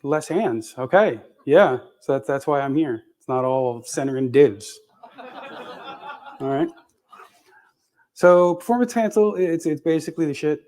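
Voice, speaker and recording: A man's voice: a little high, animated, measured pace, long pauses, a little mellow. A man giving a live conference tech demo in a loose, profane, filler-heavy way while chewing gum. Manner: casual, profane, lots of fillers and restarts. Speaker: conference speaker. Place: conference stage with audience.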